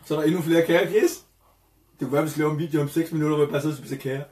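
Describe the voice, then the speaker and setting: A man's voice: a little high, fairly even intonation, roomy sound, heavy background noise. A young man hosting a casual cooking vlog, coughing now and then, chatting, swearing and joking with viewers. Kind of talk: casual live chat.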